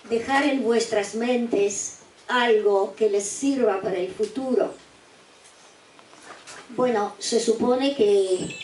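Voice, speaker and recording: Woman in her eighties, from eastern Poland, slow deliberate testimony, distant mic, roomy echo. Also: on the high side, a little mellow. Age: 80s. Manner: slow, deliberate, with repeated restarts. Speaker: guest speaker giving survivor testimony. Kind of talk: spoken testimony to students. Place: university auditorium. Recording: echoey room, distant mic, faint noise.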